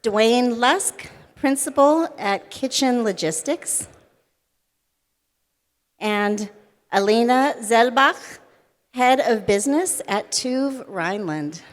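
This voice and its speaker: Female stage announcer, slow and formal, slightly high, reverberant hall. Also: animated. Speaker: event announcer. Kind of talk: stage introduction.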